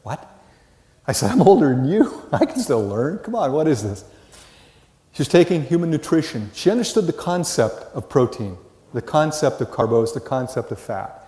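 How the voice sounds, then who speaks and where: In a large, echoey lecture hall with long reverb, an older college lecturer with an American accent talks to his class. He's folksy, asks lots of rhetorical questions, and speaks at normal speed in a sing-song, mid-range voice with a dark tone.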